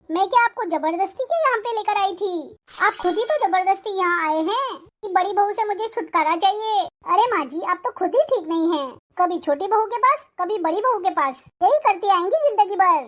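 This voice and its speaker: A voice actor playing a resentful younger daughter-in-law who complains angrily and sarcastically in an animated moral story. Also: very high-pitched. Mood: angry. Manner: angry, sarcastic, rapid complaining.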